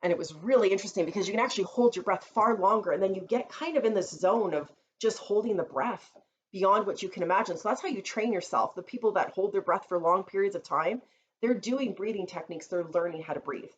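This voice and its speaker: A woman vlogger telling a personal story in an earnest, reflective way, often pausing with fillers. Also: mid-range voice. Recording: slightly dull recording with faint room noise.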